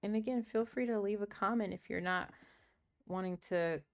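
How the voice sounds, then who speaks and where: A woman hosting her own livestream, chatting casually and earnestly while she works through puzzles, with a croaky morning voice and frequent laughs. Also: medium pitch, moderate pace. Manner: chatty, earnest, laughs often, thinks aloud. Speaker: livestream host.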